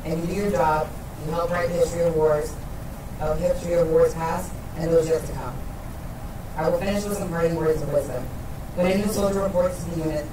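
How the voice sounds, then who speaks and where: A man delivers a formal military graduation speech in a measured, rhetorical way. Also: fairly high pitch. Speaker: army senior enlisted speaker. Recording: very echoey, distant, noisy hall recording.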